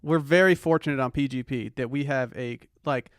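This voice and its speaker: A man co-hosting a podcast in quick, wry casual chat. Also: medium pitch, no echo, studio quality. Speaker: podcast co-host.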